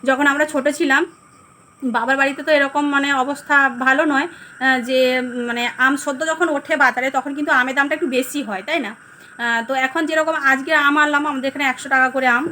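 Bengali housewife vlogging on her phone at home, high quick chatty voice, bit hoarse. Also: fairly even intonation, sharp tone, slight background noise. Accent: Bengali (West Bengal). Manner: chatty, rambling, many fillers. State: hoarse, throat going. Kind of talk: casual vlog chat to viewers.

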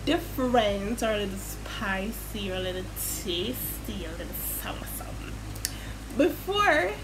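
A woman's voice: mid-range voice, expressive, moderate pace. Chatty woman vlogging, noisy room. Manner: rambling, loose and chatty with restarts. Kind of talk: casual chat to camera.

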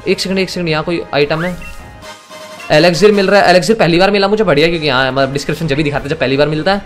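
A man's voice: a little high, a bit bright. A young man giving casual, jokey commentary while playing a video game, chatting to himself and to the game's characters. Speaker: gaming YouTuber. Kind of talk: casual Let's Play commentary. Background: faint game music.

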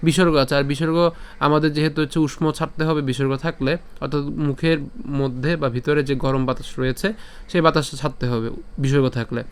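A man's voice: on the high side, fairly even intonation, smooth. Man teaching verse pronunciation. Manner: slow, drawn-out chanting of the verse lines; patient, explains sound by sound and checks in with "okay?". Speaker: Gita recitation teacher. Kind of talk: tutorial on pronouncing Sanskrit verses.

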